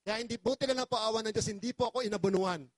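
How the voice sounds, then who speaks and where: Speaking very fast in a high voice with no echo, a man from the Philippines pleads passionately with an audience. It is a business presenter's testimonial, deeply emotional and extremely polite.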